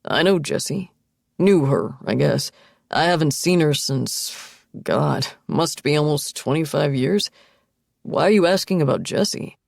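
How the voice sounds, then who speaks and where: A calm, friendly middle-aged man remembers old friends in a soft, wistful way, read by a woman in her own low voice. The tone is gravelly and husky. It sits close and dry in the ear, as in an audiobook. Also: measured pace, no room sound, heavily acted. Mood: reflective.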